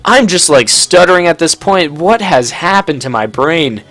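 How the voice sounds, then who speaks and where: A young man giving jokey, casual play-by-play commentary on an online match, talking quickly and tripping over his words now and then. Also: on the high side, expressive, fairly bright tone, soft background music. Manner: rapid, jokey play-by-play with stumbles. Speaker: game commentator. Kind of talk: casual live game commentary.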